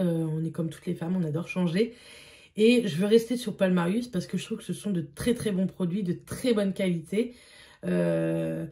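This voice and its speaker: A woman's voice: mid-range voice, mellow. A young woman chatting casually as a beauty vlogger, with frequent fillers and repeated words. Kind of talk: casual vlog chat.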